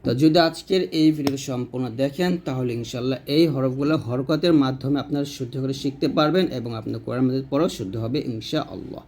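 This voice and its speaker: A man teaching Quran reading in a recorded tutorial, stretching out letter drills slowly between brisker explanations. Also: medium pitch, darkish tone. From Bangladesh.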